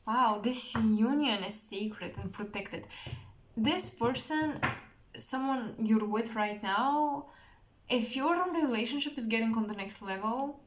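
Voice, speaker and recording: A woman reads tarot cards for her viewers, speaking slowly and pausing often to search for words. Her voice sits a little high, and her delivery is earnest and emotional. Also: a little hiss or hum, poor audio. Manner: slow, halting, searching for words with many restarts. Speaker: tarot reader. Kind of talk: intuitive tarot reading to camera.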